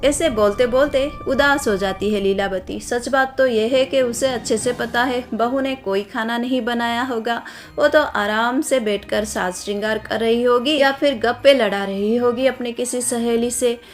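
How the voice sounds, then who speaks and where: A woman narrating a cartoon story in a plain, steady storytelling manner. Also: a little high, unhurried, faint music behind.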